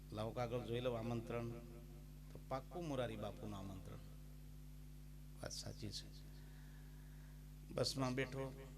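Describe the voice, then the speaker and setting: A man's voice: mid-range voice, background noise. A man with a Gujarati accent giving a devotional talk in a folksy, humorous storytelling manner, breaking into sung verses. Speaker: bhajan singer and spiritual storyteller. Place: devotional gathering with live music. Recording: music playing behind. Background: instrumental music.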